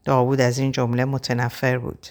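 A woman reading a first-person story aloud in a quiet, introspective way. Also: rumbling low, monotone. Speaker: audiobook reader.

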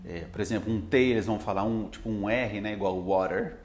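Brazilian guy, english teacher, low voice, loose rambling chat, roomy echo. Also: fairly quick, slight background noise. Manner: relaxed, rambling, many fillers. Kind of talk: casual podcast chat.

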